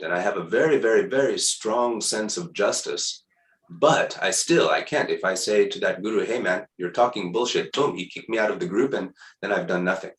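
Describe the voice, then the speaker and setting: Low-voiced man in his fifties, echoey. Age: 50s. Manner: repeats words for emphasis, unhurried and reflective. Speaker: spiritual teacher. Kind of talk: casual spiritual monologue. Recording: echoey room.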